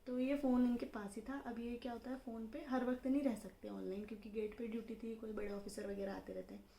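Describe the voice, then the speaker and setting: A young woman casually telling the story of how she met her husband, in a lively conversational way. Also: fairly high pitch, fast, gravelly. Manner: chatty, animated, acts out dialogue in quotes. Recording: roomy echo with faint background noise.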